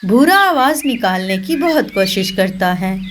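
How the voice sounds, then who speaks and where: A woman's voice: medium pitch, animated, a little slow, slight background noise. Woman narrating a cartoon tale, birdsong behind. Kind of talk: scripted cartoon story narration. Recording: constant birdsong and clicks behind voice.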